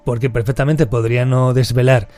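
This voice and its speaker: A man's voice: mid-range voice, brisk, faint music behind. A man, hosting a podcast and casually retelling a film, acting out the characters' lines as he goes. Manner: lively storyteller who acts out character quotes. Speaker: podcast host.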